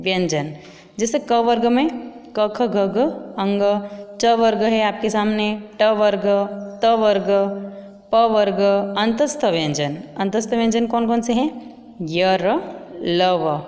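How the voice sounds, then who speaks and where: Female teacher, deliberate and slow, posing and answering her own questions; long reverb on the voice. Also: mid-range voice, a little mellow. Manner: asks questions and answers them herself. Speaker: school Hindi teacher. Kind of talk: classroom grammar lesson.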